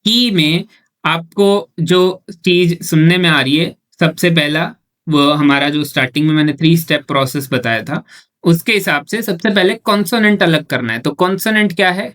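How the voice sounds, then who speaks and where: A man's voice: a little high, normal speed, a bit bright. A man teaching a shorthand lesson step by step, asking himself questions and answering them, and repeating each point patiently. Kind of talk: step-by-step classroom explanation.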